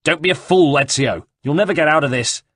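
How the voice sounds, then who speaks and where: A man voicing a furious, vengeful male villain who shouts his threats in a raised, strained voice. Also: mid-range voice, animated, moderate pace, breathy edge, no room sound, studio quality.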